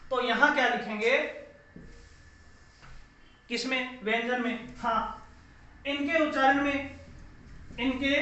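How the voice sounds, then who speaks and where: A man's voice: very high voice, pushed and bright. A male teacher giving a classroom grammar lesson, asking questions and answering them himself, repeating key phrases. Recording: very echoey room, dull lo-fi sound.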